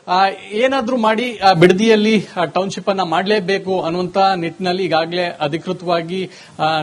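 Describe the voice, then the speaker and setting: A male political reporter on a live link, with a clearly high voice. He talks steadily and at length, filling gaps with hesitant sounds as he lays out the story. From Karnataka, India. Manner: fluent reporting with frequent hesitation fillers. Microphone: phone or remote live link.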